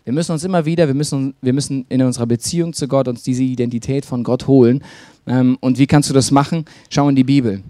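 A man delivering a sermon at a middle pitch, speaking personally and confessionally. He often restarts sentences and fills pauses as he talks. The sound is dry and close, with little room echo. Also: steady tone, dark tone. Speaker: preacher.

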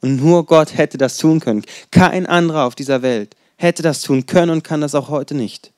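Ein Mann in seinen Zwanzigern, der locker und erzählend predigt und dabei rhetorische Fragen stellt. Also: male voice, a little high, normal speed, a little mellow, no echo, studio quality. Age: 20s. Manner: conversational, storytelling, rhetorical questions. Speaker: preacher. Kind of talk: casual sermon.

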